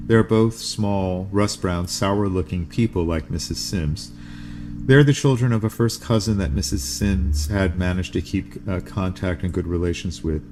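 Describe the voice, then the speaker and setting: A man with a very low voice reads a first-person novel aloud at a measured, unhurried pace. His delivery is steady, and faint noise sits behind him. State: sneezing from allergies. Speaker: podcast host reading a novel.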